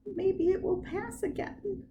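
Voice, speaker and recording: A woman's voice: very high voice, steady tone, takes it slowly, dark tone, muffled recording, a little hiss or hum, pitched above the performer's own voice. A woman reading aloud, voicing a worried father who pleads with his son to wait. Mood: pleading. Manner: pleading, coaxing. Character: patient worried dad at a pool.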